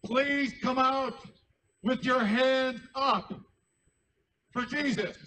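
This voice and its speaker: A man's voice: very high voice, pushed and bright. Man calling out through a megaphone. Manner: slow, drawn-out public announcement calls. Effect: speaking through a megaphone. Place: outdoors in front of an office building. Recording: distant, noisy outdoor clip.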